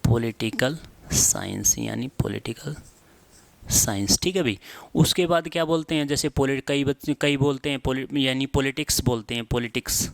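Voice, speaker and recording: Young guy teaching exam prep, smooth voice, dry close mic, keeps repeating terms slow. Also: mid-range voice, fairly even intonation, no room sound. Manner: conversational, repeats terms slowly for dictation; frequent filler tags at phrase ends. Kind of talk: online exam-prep lesson.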